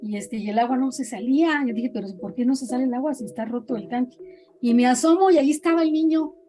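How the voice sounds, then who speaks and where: A woman's voice: high voice, fast talker, music in the background. A middle-aged woman with a Mexican accent, telling her own eerie experiences in a casual chat and acting out the voices she quotes. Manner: dramatic storyteller, acts out quoted voices. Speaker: podcast guest sharing experiences.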